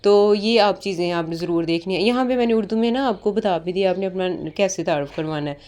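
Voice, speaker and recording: A woman's voice: mid-range voice, brisk, darkish tone. A woman giving a casual spoken lesson on interview preparation, explaining step by step and mixing in English terms. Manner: explains step by step, often repeats "ठीक है"; mixes English terms into Urdu. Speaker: interview prep tutor.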